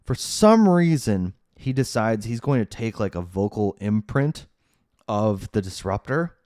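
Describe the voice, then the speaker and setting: A man's voice: lowish voice, expressive, measured pace, darkish tone, no echo, clean studio sound. A man hosting a podcast, recapping a movie in a sarcastic, chatty way with many fillers. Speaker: podcast host.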